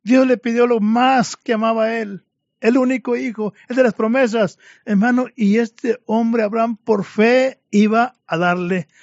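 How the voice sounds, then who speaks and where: A man's voice: very high voice, fairly even intonation, a little slow, no echo. A man preaching a fervent sermon to his congregation, addressing them again and again as brothers, in a dull lo-fi recording.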